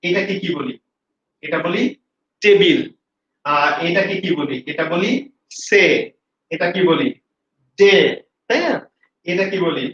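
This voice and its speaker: Bright-voiced man teaching English pronunciation. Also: high-pitched, normal speed. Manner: energetic, repeats words for students to say after him. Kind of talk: classroom-style video lesson, mixing Bengali and English. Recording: roomy, dull recording with faint hiss.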